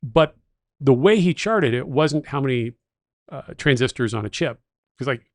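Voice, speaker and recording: Middle aged guy cohosting a podcast, gravelly voice, dry close sound, eager storyteller. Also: mid-range voice, expressive, moderate pace, dry recording. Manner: enthusiastic storyteller, techno-utopian. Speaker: podcast co-host. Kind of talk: casual chat.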